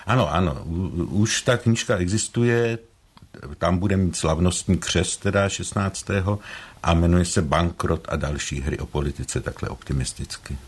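A man with a very deep, husky voice speaking as a guest on a radio talk show. He hesitates and restarts often, and his remarks are wry and self-deprecating. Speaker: theatre guest, playwright and interpreter. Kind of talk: radio studio chat.

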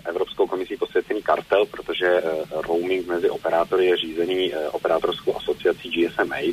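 A man's voice: deep voice, slight background noise, rough recording. A man speaking as a telecom regulator in a news interview, explaining at length with many hesitations and fillers.

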